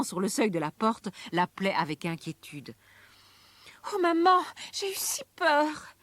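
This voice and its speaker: A woman narrating a children's story in a lively, sing-song reading voice. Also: medium pitch.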